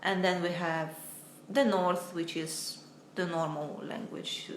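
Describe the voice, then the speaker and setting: Her lowish voice holds a steady tone at a slow pace as she teaches English on a casual livestream from home, speaking into a phone. This young American woman is chatty and hesitant, frequently laughing at her own expense. Slight background noise accompanies a roomy echo.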